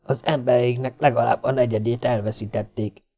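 A man reading the lines of a shaken man in an audiobook, in a hushed, shocked way. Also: medium pitch, fairly even intonation, natural voice.

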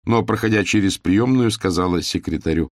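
Male audiobook narrator, very low voice, gravelly, lively intonation, dry close sound. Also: fairly quick, no echo. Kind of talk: scripted narration of a novel.

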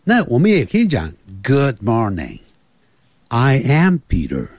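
Husky-voiced man teaching slowly with lively pitch. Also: no room sound. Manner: lively, teacherly, repeats words slowly to demonstrate. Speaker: English teacher. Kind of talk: slow radio lesson for parents and children.

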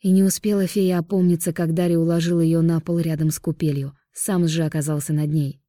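A woman narrating an audiobook in a steady, even storytelling manner. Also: low voice, fairly quick, no echo, studio quality. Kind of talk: scripted narration.

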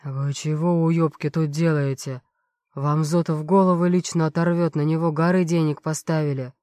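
A woman voicing an angry male doctor who swears and shouts orders in an audiobook. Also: low voice, fairly even intonation, moderate pace, no echo, clean studio sound, voice pushed down, lightly acted. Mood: furious.

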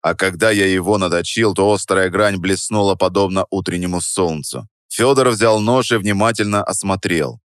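Male narrator, first-person audiobook, steady delivery, low voice, dry studio sound. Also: normal speed, hardly any pauses, smooth, no echo.

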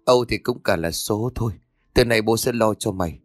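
A man voicing a remorseful middle-aged father, low and earnest, close to his own voice. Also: fairly quick, no room sound, faint music behind, lightly acted.

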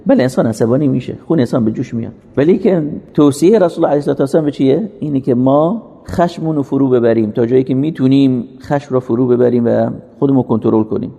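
A man with a mid-range, dark-toned voice and noticeable vocal fry gives a religious teacher's sermon-style talk. He is earnest, working through rhetorical questions and answering them, while a long hall reverb lingers behind him.

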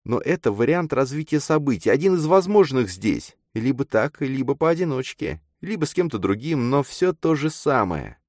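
A man's voice: mid-range voice, very animated, moderate pace, few pauses, darkish tone, no echo, clean studio sound, pitched above the performer's own voice. A man voicing a restless, passionate young woman who speaks urgently in a storybook reading. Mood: desperate.

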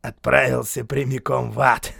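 A man voicing a crazed, murderous army sergeant who is fawning and sneering, with a shrill, barking delivery. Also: little pitch movement, normal speed, creaky, fairly bright tone, breathy edge, dry recording, clean studio sound, heavily acted. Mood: manic.

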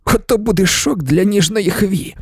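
A man reading an audiobook, voicing a crippled old man who mocks in a high, hoarse voice. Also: moderate pace, dry recording, studio quality. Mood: mocking. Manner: mocking, hoarse.

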